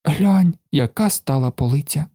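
A man's voice: a little high, animated, moderate pace, mellow, husky, dry recording, studio quality. A man voicing an earnest worried little boy. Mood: upset. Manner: anxious, wondering questions.

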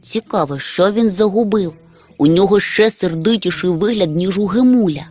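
A woman voicing a small, eager young troll boy in a storybook, in a raised, excited voice. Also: mid-range voice, moderate pace, faint music behind, natural voice.

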